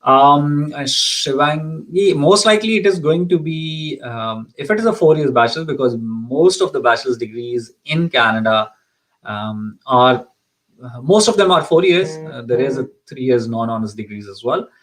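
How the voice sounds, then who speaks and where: An animated man from Pakistan, working as an immigration consultant, fields live questions at a moderate pace. His medium-pitched voice is a bit bright, yet he hesitates a lot, with many ums and restarts. The recording sounds rough.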